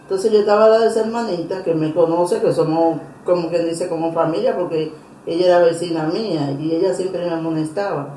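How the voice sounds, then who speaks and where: A woman telling her personal religious testimony in an interview, earnest and emotional, pausing and restarting often. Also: on the low side, mellow, slight background noise. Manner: earnest, emotional storytelling with many pauses and restarts. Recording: roomy echo.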